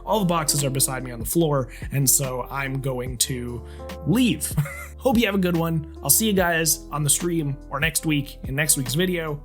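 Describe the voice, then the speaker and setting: A man's voice: on the high side, moderate pace, faint music behind. Rambling, laughing young man at home. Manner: rambling, self-deprecating, laughs often. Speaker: streamer. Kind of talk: casual vlog talk to camera. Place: home streaming room.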